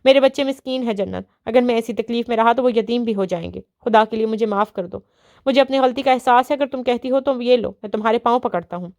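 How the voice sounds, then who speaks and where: A woman's voice: fairly high pitch, a little mellow, dry recording, clean studio sound, close to an everyday voice. A woman voicing a remorseful, broken man who pleads for forgiveness. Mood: pleading.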